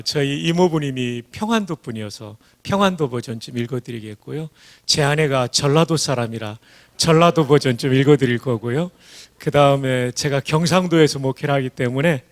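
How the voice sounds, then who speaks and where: A man from Daejeon preaching as a guest pastor at a revival service, humble and halting. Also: medium pitch. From Daejeon, South Korea. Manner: warm, humble, halting with fillers. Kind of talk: revival sermon. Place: church sanctuary.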